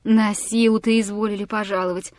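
A woman's voice: medium pitch, level tone, brisk, darkish tone, no echo, lightly acted. A woman voicing a fawning, tipsy middle-aged village bailiff who talks in a wheedling sing-song.

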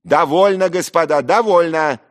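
A man's voice: very deep voice, wildly swooping pitch, extremely slow, gravelly, full character voice. A man voicing a haughty, domineering young officer who talks down to others. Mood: commanding. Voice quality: condescending, loud.

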